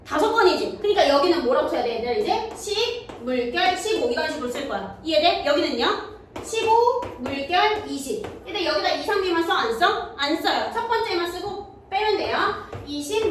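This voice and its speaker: A woman teaching middle school math in a classroom, often stopping to check whether students follow. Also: sits high. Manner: checks understanding with quick questions to students. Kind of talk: classroom lecture. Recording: very echoey room, mic far off, faint noise.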